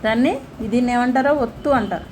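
Over a little background hiss, a mother in her thirties with a high-ish, darkish voice talks a bit fast in a casual home vlog. Cooking in her kitchen, she chats to viewers and patiently helps her child with homework.

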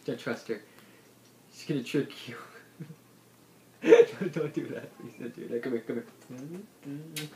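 A man's voice: mid-range voice, measured pace, pauses often, dark tone. A man in his twenties chatting casually as the host of a homemade video. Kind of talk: casual chat. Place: small room indoors. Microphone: tablet at arm's length. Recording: roomy echo, noisy tablet microphone.

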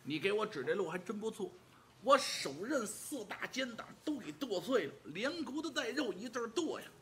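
A man's voice: high-pitched, big pitch swings, moderate pace, a bit bright, a little hiss or hum. A man voicing a brash, hot-tempered, burly outlaw warrior who talks bluntly and boastfully.

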